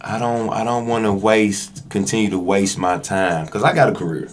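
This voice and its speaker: Over faint background music, a man with a fairly low voice talks at a moderate pace as a podcast guest. An actor and independent filmmaker, he speaks casually and in slang, candid and emphatic about his acting work.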